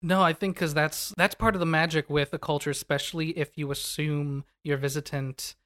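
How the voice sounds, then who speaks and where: A man with a slightly higher-than-average voice talks casually and drops in quick agreements. He thinks aloud while he follows along. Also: steady tone, fairly bright tone. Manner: attentive listener, short affirmations, thinks aloud. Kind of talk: casual chat.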